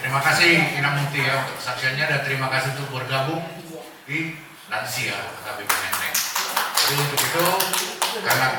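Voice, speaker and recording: A man moderating a church gathering, thanking speakers and wrapping up a session in a formal, courteous way. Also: mid-range voice. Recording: echoey hall, distant mic, crowd and loud noise.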